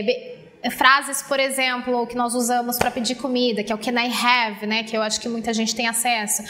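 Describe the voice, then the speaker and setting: A woman's voice: a little high, a bit bright. A woman who teaches English, talking as a guest in a casual interview in a Brazilian accent from the Paraná countryside. She speaks in an encouraging, chatty way and acts out her students' voices. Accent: Paraná countryside Brazilian Portuguese, rolled-back R.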